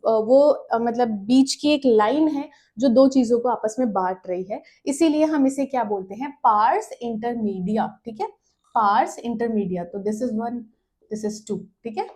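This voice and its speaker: A woman teaches a lecture, explaining diagrams step by step. She asks questions and answers them herself, reads English lines slowly and mixes English terms into her talk. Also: fairly high pitch, mellow.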